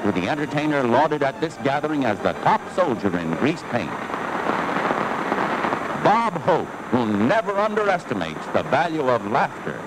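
A man narrating a 1950s newsreel in a crisp announcer delivery, reading out names and honors, with old newsreel sound. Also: mid-range voice, sing-song, normal speed, noisy background. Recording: old newsreel with loud music bed.

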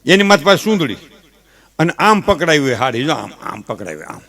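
A man with a Kathiawadi Gujarati accent, a stage comedian mixing folksy, animated stories with earnest advice. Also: a little high, fast. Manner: folksy, animated storytelling with gestures; earnest advising. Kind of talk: humorous stage talk with advice.

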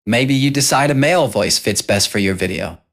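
A man hosting a casual software tutorial, explaining step by step. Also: medium pitch, animated, normal speed. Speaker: tutorial host.

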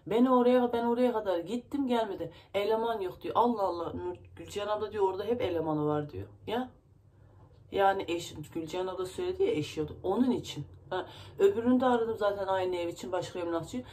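A woman vlogger vents to her viewers in a casual, rambling and emotional way, her nose stuffy from crying. Her medium-pitched voice is warm and fast.

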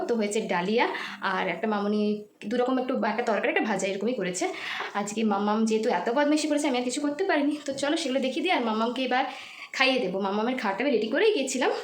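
A woman's voice: on the high side, roomy sound, slight background noise. A woman, casually vlogging at home and on a family trip, chatting to viewers and cooing at her little daughter. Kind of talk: casual vlog chat.

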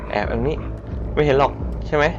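A man streaming a horror game, muttering tensely to himself and yelping when startled. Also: a little fast. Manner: tense whispery muttering, sudden startled yelps. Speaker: gameplay streamer. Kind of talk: live reactions while playing a horror game. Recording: dull lo-fi sound with faint hiss.

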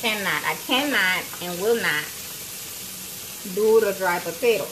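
Her pitch is medium and her pace measured, yet this playful cooking show host stays expressive as she chats with viewers she calls y'all. The casual livestream comes from her home kitchen via a phone on a small tripod at about arm's length, and frying grease sizzles clearly in the background.

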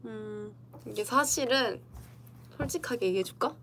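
Her fairly high, fairly bright voice moves at a moderate pace as she jokes and giggles with her livestream audience, replying to their comments from indoors. The young woman is an idol streamer with a Korean dialect, and her computer mic carries a little hiss or hum.

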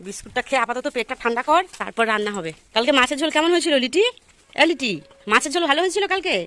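A woman's voice: sits high, very fast, pushed and bright. A woman vlogging from her village home, chatting to viewers as she feeds animals and cooks. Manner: chatty, explains each cooking step to viewers. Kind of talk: casual cooking vlog narration.

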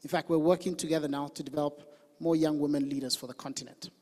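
A man in his thirties on stage with a handheld mic, introducing a guest speaker, with some halting restarts. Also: fairly high pitch, steady tone, a little mellow. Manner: hesitant, restarts mid-phrase. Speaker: event host. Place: large convention hall stage. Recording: long reverb of a big hall.

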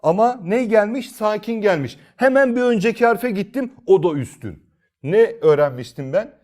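A man's voice: high-pitched, expressive, moderate pace, darkish tone. A man teaching Quran reading in a recorded lesson, asking himself questions, repeating key phrases and drawing out example recitations.

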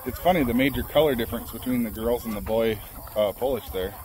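Chores, chickens, and cows fill this outdoor ranch vlog, where a man rambles along in relaxed, casual chat with plenty of fillers. His voice is mid-range and his pace quick, with slight background noise.

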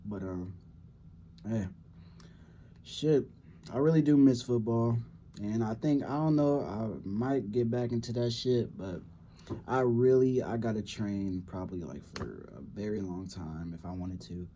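A man's voice: on the low side, unhurried, warm tone, highs cut off, slight background noise. A young man from California giving casual, profanity-heavy reaction commentary on a football game, rambling and slangy. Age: young adult. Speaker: sports reaction video host.

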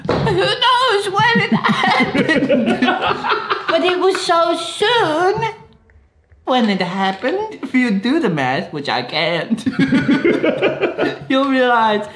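A woman putting on a mock Russian accent, rambling and giggling through a crude improvised history lesson. Her pitch leaps around and she takes her time. The room is echoey, with steady noise behind her. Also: very slow, long pauses. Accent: put-on mock Russian accent. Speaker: co-host. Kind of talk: improvised comedy monologue.

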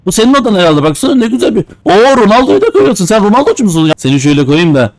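A young man talks through a horror game in a teasing, slangy way, breaking into loud exclamations and baby talk. His voice sits a bit high for a man. The recording is dry and close, with no room sound. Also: big pitch swings, very fast, no echo. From Adana, Turkey. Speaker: gamer playing a horror game. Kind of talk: casual let's-play commentary.

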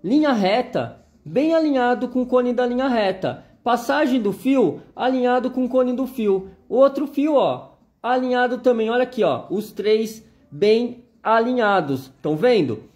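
Brazilian guy showing off sewing machines on a live stream, high voice, keeps saying look here. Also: animated, unhurried, darkish tone. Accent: Brazilian Portuguese. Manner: chatty, repeatedly pointing things out to viewers. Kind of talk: live product demonstration.

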